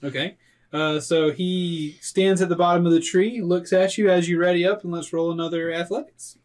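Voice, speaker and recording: A man casually narrating a tabletop game as game master, telling the action in an animated, conversational way. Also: high-pitched, moderate pace, background noise.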